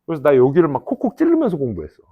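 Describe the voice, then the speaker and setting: A young adult man teaching an English class, lecturing students in a casual, teasing way with lively asides. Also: fairly high pitch, rapid-fire. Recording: dull lo-fi lecture recording.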